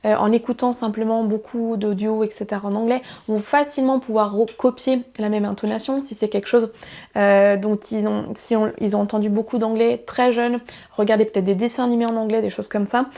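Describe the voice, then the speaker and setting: A woman's voice: a little high, mellow. A young woman teaching a YouTube language lesson, explaining at length with frequent fillers and self-corrections. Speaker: English teacher.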